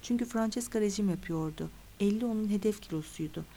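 A woman's voice: mid-range voice, quick pace, dark tone, a little hiss or hum, natural voice. A woman reading the lines of a pushy, insistent female investigator in an audiobook. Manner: insistent, lecturing.

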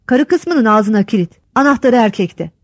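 A blunt old village headman holds forth with homespun sayings, as a woman reads him aloud. His voice sits fairly high and swings widely in pitch. The sound is close and dry. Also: animated, normal speed, dry recording. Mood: lecturing. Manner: lecturing, folksy sayings.

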